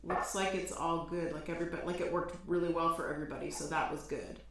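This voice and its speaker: A woman co-hosting a live stream in casual chat, her voice boomy with reverb as if she were talking into a trash can. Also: fairly even intonation, fast, distant mic. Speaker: livestream co-host. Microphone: far-off computer mic on a live stream. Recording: echoey boxed-in sound with faint hiss.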